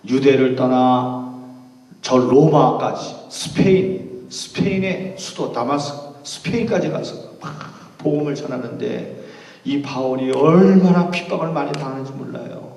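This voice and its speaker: A man's voice: medium pitch, unhurried, creaky, darkish tone. A man preaching a sermon, retelling a Bible story with emphatic, dramatic delivery. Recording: echoey hall, distant mic.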